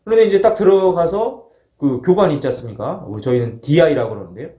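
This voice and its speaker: A man's voice: fairly high pitch, fast talker. A man casually telling a first-person story as a former marine, acting out moments with polite formal sentence endings. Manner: animated, acts out shouts, polite formal endings. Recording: roomy, echoing sound.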